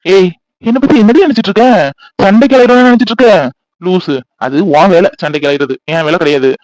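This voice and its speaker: A man's voice: on the high side, moderate pace, dry recording, natural voice, rough recording. A man voicing a young cartoon husband and father who teases his wife and uses baby talk with his daughter. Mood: teasing. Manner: playful, teasing, baby talk to the child.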